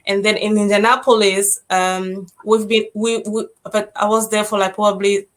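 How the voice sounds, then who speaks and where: A woman's voice: mid-range voice, level tone, moderate pace, poor audio. A woman from Cameroon, a guest in a casual interview, speaking hesitantly with restarts and fillers.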